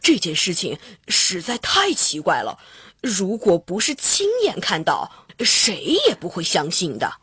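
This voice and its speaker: A woman voicing a clever, stubborn male fisherman in a storybook, with a husky, lowered voice and a wary, determined manner. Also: wildly swooping pitch, measured pace, a bit bright, no echo, studio quality, full character voice. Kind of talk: storybook character voice.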